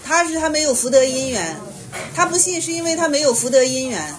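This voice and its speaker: Female meditation teacher, slightly high, patient explainer in a dharma Q&A. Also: expressive, a little fast, crowd noise. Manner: patient, explanatory, many soft affirming hums. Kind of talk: Buddhist question-and-answer talk.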